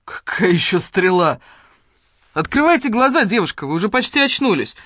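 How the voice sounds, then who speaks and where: A reader voicing a blunt, mustached middle-aged man who speaks in brisk, matter-of-fact statements. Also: medium pitch, very animated, a bit bright, dry recording, studio quality, voice pushed up.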